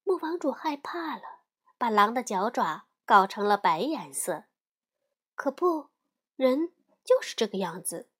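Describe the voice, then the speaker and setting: A woman storyteller host narrating a fairy tale as a gentle bedtime story for children. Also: a little high, big pitch swings, unhurried, breathy edge. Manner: gentle, addresses child listener.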